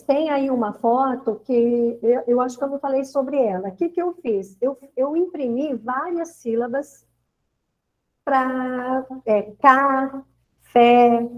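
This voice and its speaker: High-voiced Brazilian teacher telling classroom stories. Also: female voice, poor audio. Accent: Brazilian Portuguese. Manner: animated storyteller, acting out classroom exchanges. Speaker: schoolteacher sharing classroom experience. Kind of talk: informal spoken account in a course discussion.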